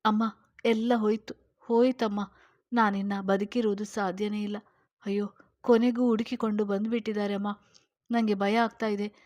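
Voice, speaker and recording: A woman's voice: mid-range voice, level tone, normal speed, long pauses, a little mellow, natural voice. Woman doing a sobbing, terrified young mother. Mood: panicked. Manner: sobbing, pleading. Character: frightened young mother, weeping and desperate.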